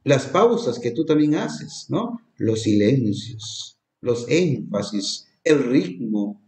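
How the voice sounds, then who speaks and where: A man leading an exam review lesson for teachers, asking questions and slowly repeating the key terms. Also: medium pitch, big pitch swings, darkish tone. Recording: echoey room.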